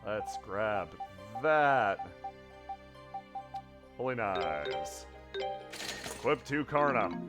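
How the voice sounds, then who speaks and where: A man's voice: lowish voice, sing-song, drawn-out words, long pauses, over music. A man streaming a game, joking around and reading the dialogue aloud in playful voices. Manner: playful, jokey, does voices. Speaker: let's play streamer.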